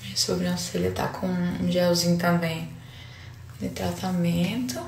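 A woman's voice: fairly low pitch, flat delivery, a little slow, gravelly, slight background noise. A woman, chatting casually to camera at home as she shows things off. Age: 30s. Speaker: digital influencer. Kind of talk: casual vlog chat. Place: bedroom at home. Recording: echoey room.

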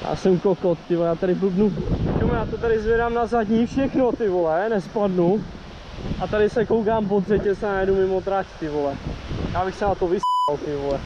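A young man with a fairly high voice talks loosely and excitably as he rides, swearing often. His helmet mic catches heavy wind gusts and the motorcycle engine. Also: lo-fi sound. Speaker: motovlogger. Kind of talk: casual helmet-cam commentary. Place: outdoors riding a motorcycle. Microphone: helmet-mounted camera mic.

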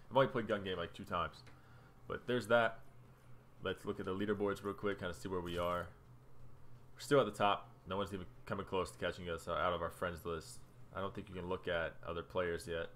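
Low-voiced man narrating his gameplay stats. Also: fairly bright tone, slight background noise. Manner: chatty, loose, talks while scrolling menus. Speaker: gaming YouTuber. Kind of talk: casual gameplay commentary.

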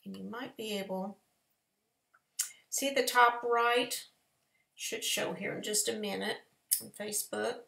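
Gravelly-voiced woman teaching painting. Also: mid-range voice, fairly even intonation, unhurried, pauses often, bright, forceful tone. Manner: chatty, folksy step-by-step instruction. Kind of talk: live painting tutorial. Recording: echoey room.

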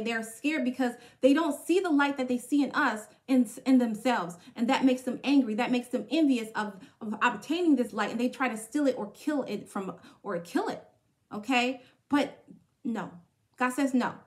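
Give me a woman with a high, bright-pitched voice hosting a podcast. She delivers an emphatic spiritual pep talk, repeating her key phrases and checking in with "okay?" after each point. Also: moderate pace. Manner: emphatic, repetitive, punctuates with "okay?". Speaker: podcast host.

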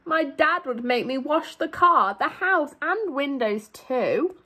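Here a young adult woman reads a children's story in a high voice, swooping through her pitch range with lively energy. She sounds like a primary teacher, drawing out and stressing the key words to help young ears keep track.

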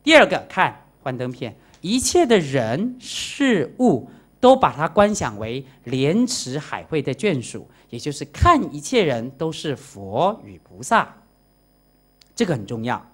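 Lively low-voiced woman giving a dharma lecture. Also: measured pace. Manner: animated, acts out quoted voices and asks the audience questions; mixes in English words. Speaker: Buddhist nun lecturer. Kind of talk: dharma lecture to a live audience.

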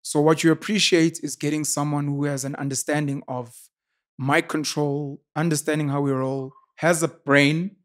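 A man's voice: on the high side, flat delivery, normal speed. A man in his thirties with a South African accent, telling stories confidently as a guest in a casual studio interview, speaking into a podcast mic. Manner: confident, expansive storytelling. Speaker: podcaster and YouTuber. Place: studio with sofas, indoors. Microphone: boom-arm podcast mic.

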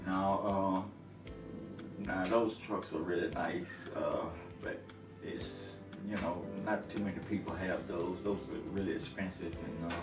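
A middle-aged long-haul truck driver speaks in a low, fairly even, unhurried voice, chatting easily in a relaxed interview full of fillers and restarts. He's seated on a sofa in a living room, and the recording sounds roomy and distant with music underneath.

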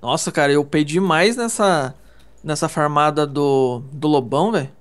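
A man's voice: fairly high pitch, normal speed. A man with a Brazilian Portuguese accent in casual gaming chat, playful and exclamatory, thinking aloud as he crafts. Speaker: gamer co-playing.

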